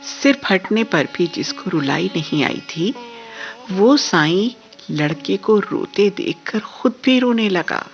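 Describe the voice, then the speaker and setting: Slow expressive woman storyteller. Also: medium pitch, highs cut off, soft background music. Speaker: story reader. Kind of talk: radio drama reading.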